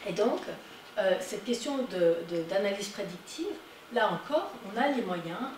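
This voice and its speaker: A woman's voice: medium pitch, a little slow. Woman lecturing in an echoey hall. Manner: animated, rising emphasis on key points. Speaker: conference speaker. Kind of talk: public conference talk. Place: conference hall. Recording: echoey hall, distant mic, noisy.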